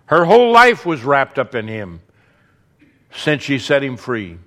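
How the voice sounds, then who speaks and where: A man preaching a sermon, earnest, building emphasis through repetition and dropping softly on key words. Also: mid-range voice, huge pitch swings, unhurried.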